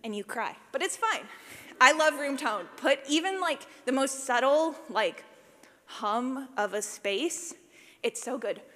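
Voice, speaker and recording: A woman with a high-pitched voice gives an informal conference talk as a sound designer for audio fiction, taking audience questions. She's animated, self-deprecating and jokey, says "like" a lot, and keeps a measured pace. It's a live talk in a large, reverberant room, and the recording has a reverberant hall sound.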